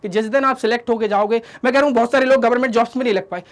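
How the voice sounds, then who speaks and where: Guy teacher doing a study motivation talk, talks fast, scolds kids kinda fatherly, tosses in english phrases. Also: very high voice, fairly even intonation. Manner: scolding and fatherly, addresses listeners as "beta", asks rhetorical questions; mixes English catchphrases into the lesson.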